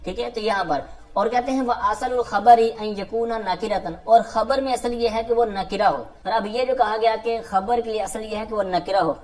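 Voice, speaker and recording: A woman teacher with a Pakistani Urdu accent patiently explains a classical grammar text, restating each point and pausing on fillers. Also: on the high side, a little mellow.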